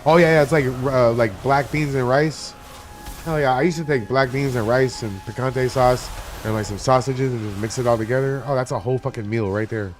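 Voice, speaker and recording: A man from Miami, USA, with a mid-range voice and fairly even intonation, chats briskly and profanely while live-streaming a game. He rambles from one topic to the next over game music.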